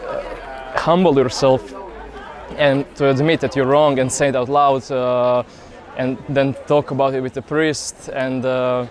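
A young man from Croatia, answering interview questions at an outdoor festival in an earnest, hesitant way, with many pauses and fillers. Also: medium pitch, flat delivery, some chatter behind. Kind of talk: casual street interview. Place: outdoor youth festival grounds.

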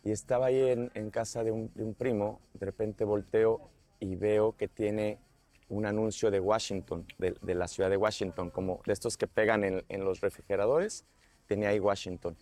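A man's voice: lowish voice, fairly even intonation, normal speed, a little mellow. A man from Michoacán with a Mexican accent, telling the story of his pilgrimage in a rambling way with many restarts. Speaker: pilgrim giving testimony. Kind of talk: casual spoken testimony.

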